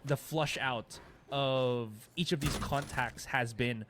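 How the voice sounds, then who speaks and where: A man's voice: medium pitch, steady tone, takes it slowly, background noise. Male esports caster, conversational analyst. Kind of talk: live esports casting commentary, analytical.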